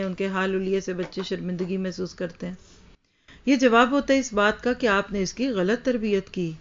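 Earnest woman giving a religious lecture. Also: medium pitch. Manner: earnest, didactic, addresses listeners directly. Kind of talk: Islamic lecture to an audience. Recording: slightly dull lo-fi recording.

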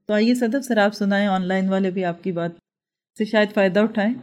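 A woman teaching a Quran class in an animated lecture, telling personal stories and asking many rhetorical questions. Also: medium pitch.

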